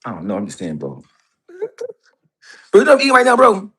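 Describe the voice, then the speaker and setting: A man in his forties with a New York accent chats casually, with a husky voice. His pitch swings widely as he rushes through stories, repeating words and stumbling as he goes. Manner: animated storytelling, repeats and stumbles; laughs often, street slang. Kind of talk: casual podcast chat.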